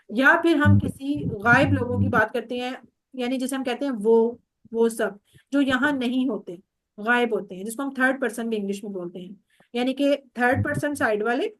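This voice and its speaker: A woman teaching an online Arabic class, patiently repeating each word over a video call. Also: sits high.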